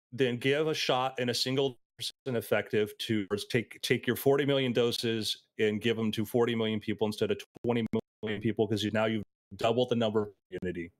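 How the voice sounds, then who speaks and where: Man on choppy, cutting-out Bluetooth audio. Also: mid-range voice. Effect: choppy Bluetooth earbud audio that keeps cutting out. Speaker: podcast panelist. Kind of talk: casual panel discussion.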